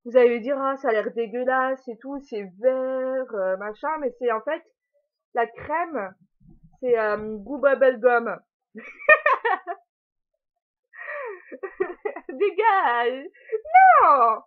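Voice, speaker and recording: This young vlogger's fairly high voice is animated but slow, with long pauses, as she giggles through a casual haul video at home. She hesitates often and talks to her puppy. Audio quality is dull and lo-fi.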